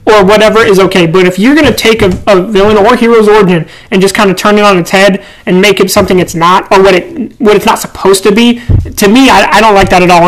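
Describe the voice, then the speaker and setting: A man's voice: high voice, rough recording. A man co-hosting a casual podcast chat, opinionated and swearing freely, laughing often. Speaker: podcast co-host.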